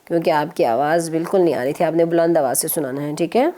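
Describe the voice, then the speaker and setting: Woman, children's reading teacher, patient and encouraging, slow letter drills, lowish voice. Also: dark tone, a little hiss or hum. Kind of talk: televised phonics lesson for children.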